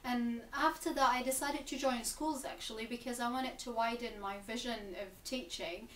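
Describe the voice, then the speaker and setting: A young woman answers interview questions in a fairly high voice, pausing on ums and restarting her sentences as she thinks. She sounds set back from the mic in a reverberant room, with faint ambience underneath. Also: steady tone, far from the mic, slight background noise. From Gaza Strip, Palestine. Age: 20s. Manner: thoughtful, hesitant with frequent ums and restarts. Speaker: interviewee, English teacher and graduate student.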